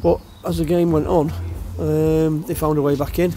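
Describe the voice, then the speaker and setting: An older man, a football manager, giving a post-match interview in an empty outdoor stadium stand, halting and repeating his words. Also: fairly high pitch, little pitch movement, dark tone, soft background music.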